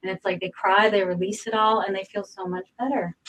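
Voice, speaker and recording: A woman in casual panel chat, her voice at an ordinary middle pitch. She speaks with enthusiasm and backs the others up with frequent mm-hmms. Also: steady tone, a little fast, a bit bright, rough recording. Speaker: psychic medium co-host.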